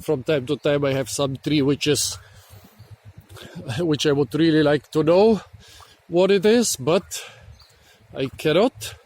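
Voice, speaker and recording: A man talking casually while walking through a garden outdoors, out of breath and thinking aloud with pauses. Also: on the high side. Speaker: vlogger. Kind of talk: casual walking vlog narration. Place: outdoors in a tropical botanic garden.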